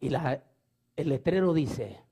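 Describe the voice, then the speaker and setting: A man's voice: a little high, lively intonation, slow, warm tone, slightly rough. A man preaching a storytelling sermon, fervent and repeating phrases for emphasis.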